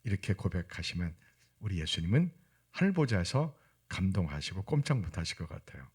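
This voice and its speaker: A man with a low, husky voice preaches a sermon in a church. His pitch swings widely as he tells stories and acts out the voices in them. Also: very animated, fairly quick, darkish tone. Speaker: pastor.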